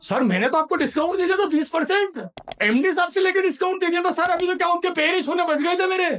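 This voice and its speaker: A man playing a frustrated male salesman who complains loudly and whines about losing an order to a rival. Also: extremely high pitch, quick pace, voice pushed up. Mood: aggrieved. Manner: whiny, complaining, rising to a shout.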